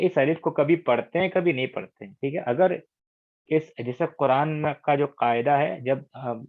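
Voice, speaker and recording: Man from India, online Arabic lesson, patient explaining, slow word drills, dry tinny phone-line audio. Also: mid-range voice, no echo. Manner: explains patiently, often checking with "ठीक है?"; repeats and drills Arabic words slowly. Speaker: Arabic teacher. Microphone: online call.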